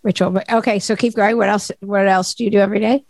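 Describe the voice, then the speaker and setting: A woman's voice: medium pitch, fairly even intonation, fast, creaky, a little mellow, no echo, clean studio sound. A woman hosting a casual podcast interview, affirming her guest and asking what else she does. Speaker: host.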